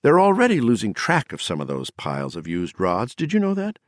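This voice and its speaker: In a clean studio recording with no room sound, a fairly low-voiced man pitches above his natural voice to play a drunk, bitter, eloquent poet. Speaking a little fast with huge pitch swings, he rants mockingly and sardonically, his voice rising.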